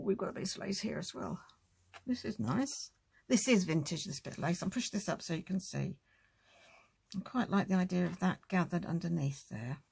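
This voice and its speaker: A woman's voice: mid-range voice, gravelly, darkish tone, husky. A woman hosting a casual crafting tutorial, chatting and thinking aloud as she works.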